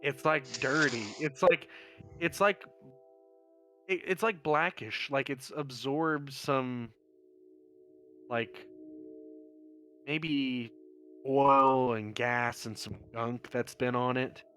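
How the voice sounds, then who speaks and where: A man's voice: mid-range voice, slow pace, long pauses, bright, forceful tone, soft background music. A man running a tabletop game as game master, narrating in a casual, rambling way.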